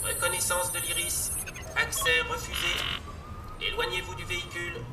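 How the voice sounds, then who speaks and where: A woman's voice: on the low side, monotone, normal speed, close to an everyday voice. A woman voicing the stern security robot of an armored vehicle, giving clipped automated announcements. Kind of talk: dubbed film acting.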